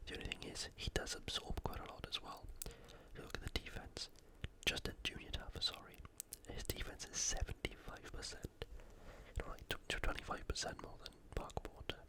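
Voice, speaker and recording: Whispering breathily without voicing, an ASMR host offers a casual and slightly halting analysis previewing an upcoming sports event. The delivery runs a little fast, and the audio quality is poor.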